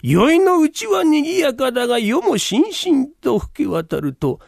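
Man doing a polite older landlord, slow dramatic telling, bit gravelly, lively pitch. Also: no echo, studio quality, full character voice. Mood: eerie. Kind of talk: rakugo storytelling.

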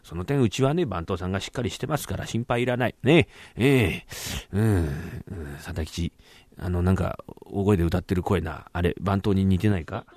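A man voicing a stingy old merchant master in a rakugo story, low and lecturing. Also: normal speed, darkish tone, dry recording. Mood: grumbling.

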